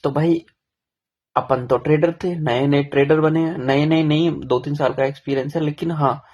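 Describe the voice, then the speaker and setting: Young male vlogger, slightly higher voice, raspy grit, casual confessional delivery. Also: darkish tone. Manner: frank, self-deprecating, rambling with restarts. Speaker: vlogger telling his trading story.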